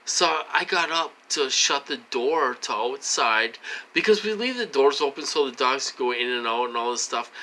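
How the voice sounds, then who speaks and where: Bright-voiced man rambling over a drink. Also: medium pitch, expressive, normal speed, slight background noise, low-quality recording. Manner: rambling and repetitive, keeps asking "okay?". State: having a drink. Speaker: vlogger. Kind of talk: casual venting monologue.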